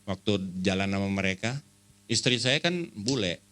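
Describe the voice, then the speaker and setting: A man's voice: on the low side, expressive, normal speed, fairly bright tone. A middle-aged man from Java, a pastor giving a church sermon in a joking, conversational way that rises to emphatic preaching. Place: church service.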